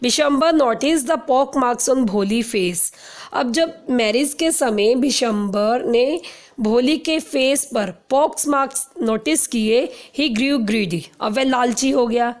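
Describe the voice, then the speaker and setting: A young woman teacher, her voice pitched a touch high. She reads each line at a very slow, dictation-like pace, then explains it more quickly in Hindi. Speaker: teacher explaining a school chapter.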